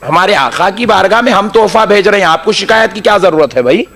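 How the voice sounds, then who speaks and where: A man with a Hyderabadi Dakhani accent preaching a storytelling sermon to a congregation, animated and questioning the crowd. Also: sits high, fairly quick, gravelly. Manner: animated, asks the crowd questions and acts out voices.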